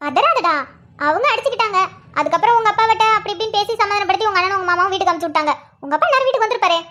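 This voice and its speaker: A chatty cartoon elder sister with a very high, shrill voice. She rattles through events at top speed while soothing others. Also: expressive, pushed and bright, full character voice. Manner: quick storytelling, soothing.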